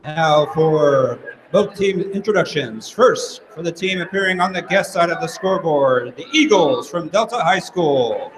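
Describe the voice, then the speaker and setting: PA announcer, formal cadence, high voice, long gym reverb, crowd noise. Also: male voice, lively intonation, measured pace. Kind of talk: arena lineup announcing. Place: large high school gym. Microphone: house PA system.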